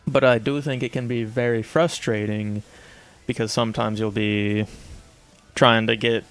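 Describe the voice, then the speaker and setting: Young male streamer, gravelly and creaky, casual rambling commentary over faint music. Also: fairly low pitch, little pitch movement, unhurried. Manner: rambling, self-correcting, chatty. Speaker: streamer playing an aim trainer.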